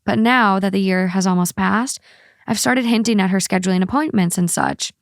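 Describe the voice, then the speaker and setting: A podcast host with an ordinary female pitch shifts between casual chat and reading stories aloud at a normal speed. The sound is close and dry, with no room sound at all.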